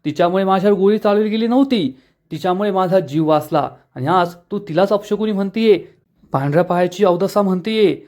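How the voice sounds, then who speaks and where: A man's voice: high voice, fairly quick, pitched above the performer's own voice, lightly acted. A man voicing an angry young son who defends his wife, in an indignant, raised voice during a serial recap. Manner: shouting, indignant. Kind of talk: dramatic reading of a TV serial recap.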